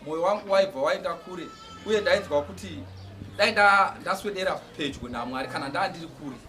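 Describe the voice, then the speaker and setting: A man giving a church testimony, speaking haltingly and with feeling, often restarting words. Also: high-pitched, bright, forceful tone. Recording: distant mic with faint outdoor noise.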